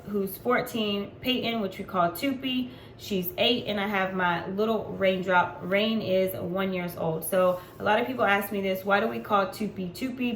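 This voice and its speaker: A woman in her forties talking to camera in a casual vlog, chatty and unfiltered, with frequent ums. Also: mid-range voice. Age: 40s. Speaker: vlogger. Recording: echoey room with faint background noise.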